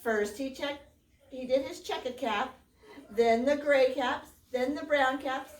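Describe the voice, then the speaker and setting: A woman teacher reading a picture book aloud to children in a classroom, animated and stopping to quiz the kids. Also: sits high, a little slow. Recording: roomy classroom from far off.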